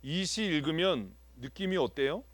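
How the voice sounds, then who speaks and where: Man, pastor, interactive Bible teaching, animated pitch, dry close sound. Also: moderate pace, no echo. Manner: asks the congregation questions and repeats answers. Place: church sanctuary.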